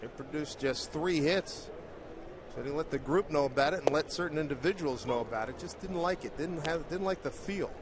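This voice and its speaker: A man calls a baseball game play-by-play in a brisk, lively voice that sits a little high. The crowd and stadium noise come through clearly behind him. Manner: brisk, excited on big plays. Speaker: play-by-play announcer.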